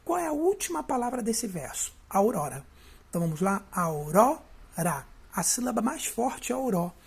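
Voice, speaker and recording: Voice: mid-range voice, sing-song, fairly quick, gravelly, darkish tone, husky. A teacher with a Brazilian Portuguese accent giving a step-by-step video lesson, often checking in with the listener.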